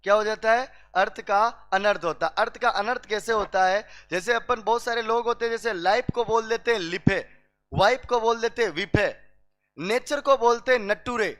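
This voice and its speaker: A man's voice: sits high, fairly even intonation, fairly quick, few pauses, a bit bright. A man telling comic stories to a class, quizzing the listeners and repeating each punchline. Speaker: teacher telling jokes to students.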